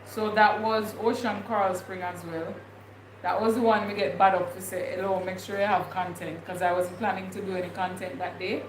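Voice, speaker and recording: In an echoey room with clear background noise, a young woman vlogger with a Jamaican accent talks casually on a livestream. She meanders, thinking aloud with many fillers, in a mid-range voice with fairly even intonation at normal speed.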